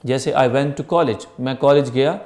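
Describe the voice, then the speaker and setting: Slow, deliberate male teacher. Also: medium pitch, darkish tone. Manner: reads English lines slowly, then explains in Urdu. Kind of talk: line-by-line textbook translation lesson.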